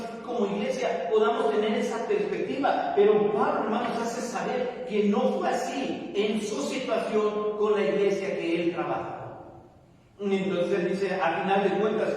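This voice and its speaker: Mexican pastor guy preaching, pretty high voice, far from the mic, lots of echo. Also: darkish tone. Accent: Mexican Spanish. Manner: addresses congregation as brothers, asks rhetorical questions. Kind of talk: sermon. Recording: echoey hall, distant mic.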